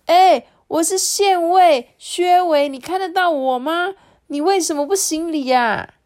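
Lady doing a panicky fish-man official, shrill and desperate, yelling to be heard, storybook voice. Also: a little slow. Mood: indignant. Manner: desperate shouting. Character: frantic male official turned carp, pleading for life.

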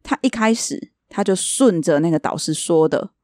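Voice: mid-range voice, expressive, moderate pace, warm tone, no echo, studio quality. A podcast co-host telling a story in casual chat and acting out the quoted dialogue.

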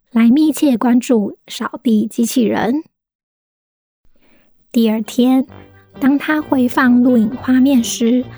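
Gentle woman reading a children's story. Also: fairly high pitch. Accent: Taiwanese Mandarin. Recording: music bed behind the voice. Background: soft background music.

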